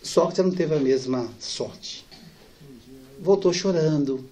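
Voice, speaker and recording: A man giving a spiritist lecture, telling family anecdotes lively and softening for the sad parts. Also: on the high side, takes it slowly, slight background noise. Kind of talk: storytelling lecture.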